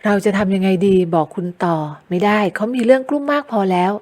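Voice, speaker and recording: A woman's voice: medium pitch, expressive, fast, darkish tone, natural voice. A woman voicing an anxious, sleepless young woman who speaks plaintively and politely in an audio novel. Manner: plaintive, polite ending particles. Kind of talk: audiobook character voice.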